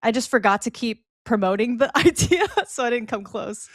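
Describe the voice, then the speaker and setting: A young woman co-hosting a casual podcast, talking quickly and going off on tangents, with laughs in between. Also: on the high side, expressive, no echo, studio quality. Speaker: co-host.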